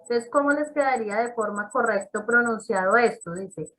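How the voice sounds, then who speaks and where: Teaching English to students on a video call, a woman explains step by step and checks in with them as she goes. She talks fairly quickly in a voice on the high side with a fairly bright tone, and the recording is rough.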